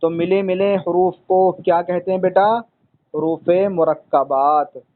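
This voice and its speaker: High-voiced guy teaching arabic letters, patient, keeps repeating stuff, sounds like it's over a tinny phone line. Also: level tone, normal speed. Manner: patient, repeats points, calls the student son. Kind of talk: one-on-one lesson.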